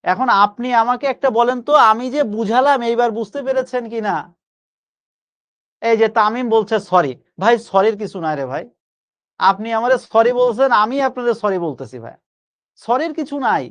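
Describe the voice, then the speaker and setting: A young man teaches a live online grammar class. He coaxes his students along and slows right down to repeat the key phrases for emphasis. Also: extremely high pitch, lively intonation, a bit bright.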